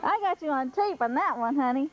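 Woman behind the camera on an old camcorder, high lively voice, muffled with faint hiss, upbeat and encouraging. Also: brisk. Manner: cheerful, encouraging, laughs often. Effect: old camcorder audio. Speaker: home video camera operator. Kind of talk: home video chatter. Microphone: built-in camcorder mic.

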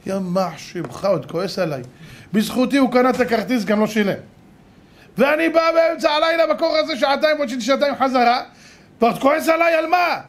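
A man voicing an excited, pushy lottery kiosk worker who shouts and complains in a joke told during a lesson. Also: high-pitched. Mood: exasperated. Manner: shouting, exasperated.

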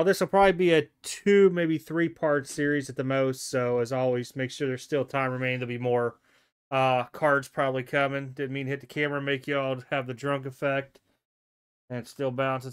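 This mid-range male voice, clean in tone and at normal speed, belongs to a collector showing off sports cards he got in the mail. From a home desk surrounded by displays, he chats easily for his vlog, thinking out loud and revising what he says.

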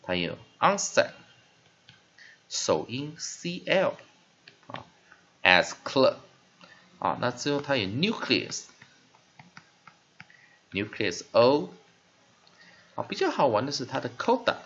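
A male teacher giving a phonics lesson, sounding out word parts slowly and repeatedly with many filler sounds. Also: medium pitch, big pitch swings, fairly bright tone, breathy edge. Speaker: English teacher. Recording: dull lo-fi recording with faint hiss.

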